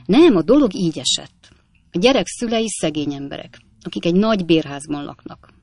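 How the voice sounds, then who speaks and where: A woman voicing a flippant young male medical student who tells gruesome stories in a breezy, animated way. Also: lowish voice, dry recording. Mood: breezy boastful.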